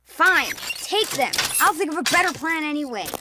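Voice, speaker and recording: An actor voicing a scheming, boastful boy mad scientist in an animated video game, with theatrical, gloating villain menace. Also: high voice, moderate pace, noisy background. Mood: exasperated, defiant.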